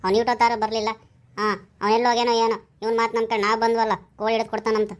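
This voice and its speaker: A woman voicing a bossy, scheming village man in a comedy skit, speaking an in a hurried, urging way with hushed scolding. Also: a little high, level tone, lightly acted.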